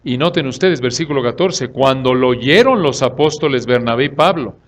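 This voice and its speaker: A man preaching an expository sermon. He asks the congregation questions and answers them himself, and swings between loud emphatic lines and quiet asides. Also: on the high side. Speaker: pastor.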